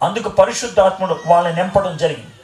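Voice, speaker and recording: A man with a very high voice preaches a sermon to a live audience. He quizzes his listeners and jokes with them as he teaches. His voice rings around a roomy hall. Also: fast, a little mellow.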